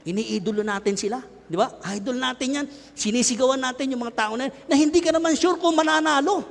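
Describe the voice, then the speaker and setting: A middle-aged Filipino man preaching a lively sermon, joking and shouting with his congregation. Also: very high-pitched, a little fast, gravelly. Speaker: pastor. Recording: long hall reverb.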